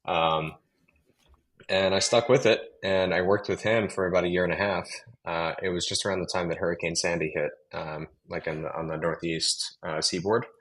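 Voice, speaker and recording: Young man, very low voice, monotone, rambling, lots of fillers, from New York. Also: normal speed, low-quality recording. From Long Island, New York. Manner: rambling, many fillers and restarts. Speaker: guest, real estate developer. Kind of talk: casual interview storytelling.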